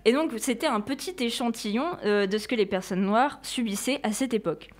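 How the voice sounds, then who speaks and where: A woman's voice: fairly high pitch, fairly quick. A young woman presenting history on community radio, casual and chatty, with many fillers and restarts.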